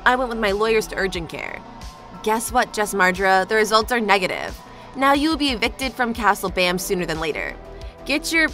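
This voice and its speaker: Female narrator for scripted entertainment news, forceful bright delivery, light music bed behind. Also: medium pitch.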